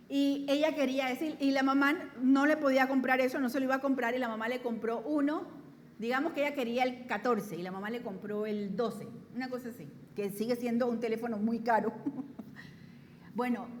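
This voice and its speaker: A woman with a Panamanian accent preaches in a conversational, storytelling way, often turning rhetorical questions toward the congregation. Her voice sits high. Her words ring with the long reverb of a church hall, over faint background noise. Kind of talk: conversational sermon. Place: church sanctuary.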